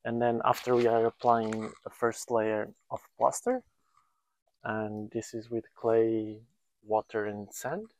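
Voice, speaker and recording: A man's voice: lowish voice, little pitch movement, takes it slowly, darkish tone, dry recording. A man in his thirties, a volunteer builder, being interviewed outdoors on a countryside building site, speaking in a hesitant way and often restarting his sentences while he looks for words. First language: Portuguese. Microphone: lapel mic.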